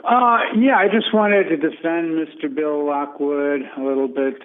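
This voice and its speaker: A man calling in to a radio show on a speakerphone, reading a scripture verse slowly and deliberately. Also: a little high, fairly even intonation. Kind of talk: call-in talk, reading scripture aloud. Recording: rough, tinny speakerphone line.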